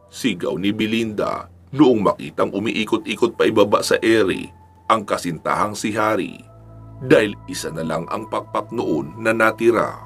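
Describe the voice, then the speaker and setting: A man narrating an action-filled serialized story in a steady, even storytelling delivery. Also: fairly low pitch. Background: faint background music.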